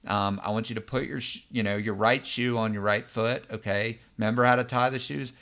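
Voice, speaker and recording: A man's voice: on the low side, fairly even intonation, fairly quick, a bit bright. A man voicing a frustrated mother of a young boy who is late for school, scolding and then patiently coaching him. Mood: calm, patient.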